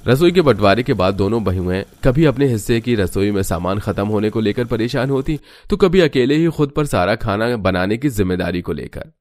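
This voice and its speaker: A man's voice: lowish voice, a little fast, hardly any pauses, dry recording. A man giving scripted narration for a cartoon story. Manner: even storytelling.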